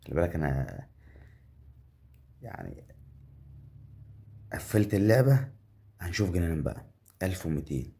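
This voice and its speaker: A man's voice: very deep voice, very animated, a little fast, creaky, pauses often, mellow. A man with an Egyptian accent giving chatty live commentary on a game, counting winnings aloud and talking straight to the viewer. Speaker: gambling game streamer.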